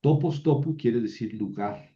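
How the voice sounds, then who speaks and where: A man's voice: medium pitch, measured pace, mellow, highs cut off. A man teaching a biblical Greek class, reciting word forms aloud one at a time and explaining them to his students. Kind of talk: classroom lecture.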